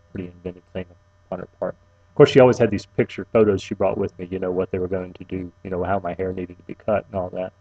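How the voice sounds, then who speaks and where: A middle-aged man giving an informal, personal eulogy, tenderly reminiscing in a halting, faltering way with long pauses. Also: on the low side, warm tone, husky, muffled recording.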